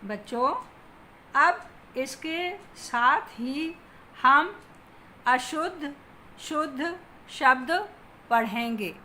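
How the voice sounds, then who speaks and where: Woman teacher reading out a lesson real slow, high bright voice, bit of hiss behind. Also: animated. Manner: slow, deliberate dictation, stressing each word. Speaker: school teacher. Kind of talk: classroom Hindi lesson.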